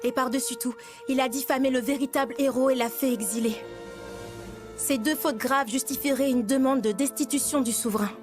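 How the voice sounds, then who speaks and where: A woman's voice: high-pitched, fairly even intonation, a little fast, music in the background, lightly acted. A woman voicing an earnest young princess in an anime dub, speaking formally.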